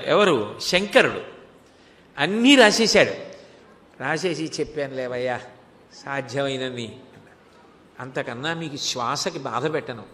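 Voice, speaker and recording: Bright high-voiced man preaching. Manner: storytelling, emphatic. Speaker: devotional speaker. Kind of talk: devotional discourse. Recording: long hall reverb.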